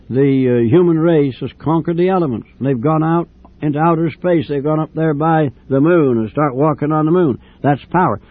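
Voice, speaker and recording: An older man preaching a fervent sermon with repeated, drawn-out phrases. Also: mid-range voice, dry recording. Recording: tinny old radio broadcast.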